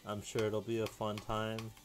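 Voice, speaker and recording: A young man chatting casually to camera in a deadpan, rambling way, often restarting his sentences. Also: fairly low pitch, moderate pace, over music. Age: young adult. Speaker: video creator. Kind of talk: casual solo chat.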